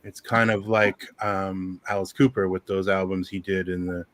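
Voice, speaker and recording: A man's voice: low-pitched, little pitch movement, normal speed, fairly bright tone, dry recording. A man who hosts a radio show, chatting casually and rambling through music picks with lots of ums. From Southern Ontario. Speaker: radio host. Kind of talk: casual livestream chat.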